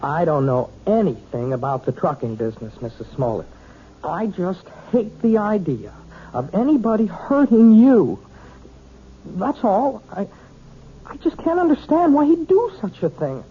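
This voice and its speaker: An actor playing an earnest young male piano student of twenty in a radio drama, halting yet insistent. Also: sits high, very animated, slightly rough, full character voice. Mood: hurt, protective. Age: young adult. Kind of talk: 1970s radio drama acting. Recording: dull lo-fi old radio recording.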